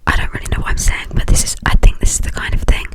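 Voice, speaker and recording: A young adult from the United Kingdom speaks in a hushed, breathy whisper, rambling informally and hesitantly in an ASMR style. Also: very fast. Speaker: ASMR video creator.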